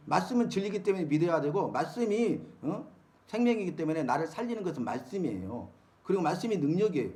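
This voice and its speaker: A man's voice: high-pitched, mellow. A middle-aged man preaching a sermon-style Bible lesson, asking the congregation rhetorical questions. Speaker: pastor.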